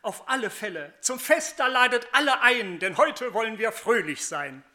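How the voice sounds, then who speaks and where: A forgiving, joyful father, voiced by a storyteller calls for a feast in rhymed verse. The tone is bright and forward. The pace stays slow and deliberate. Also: mid-range voice, sing-song, full character voice. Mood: jubilant, loud. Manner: warm, celebratory rhymed verse.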